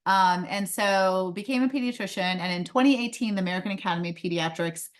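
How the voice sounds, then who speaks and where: A pediatrician and company founder who grew up in India talks fast in a medium-pitched voice. She is presenting a webinar over a video call in a conversational way, with frequent "um" fillers and the occasional light laugh.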